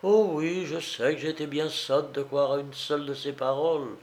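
A man's voice: fairly high pitch, fairly even intonation, moderate pace, darkish tone, lightly acted. A man voicing a remorseful young woman.

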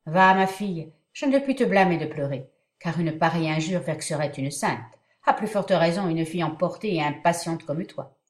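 A worried middle-aged father, played by a woman, speaks formally and full of questions. It is stage-comedy delivery with lively intonation and a clear room echo. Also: on the low side, moderate pace, close to an everyday voice. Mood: troubled. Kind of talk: dramatic reading of a classic stage comedy.

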